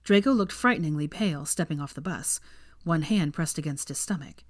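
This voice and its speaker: A woman with a low voice reads a story aloud briskly as scripted audiobook narration of fan fiction. The recording is dry and has clean studio sound.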